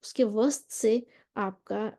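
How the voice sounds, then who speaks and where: A woman takes things slowly as she teaches Quran recitation in an online lesson, patiently explaining a diagram step by step and using some English terms. Her voice is mid-range with a dark tone.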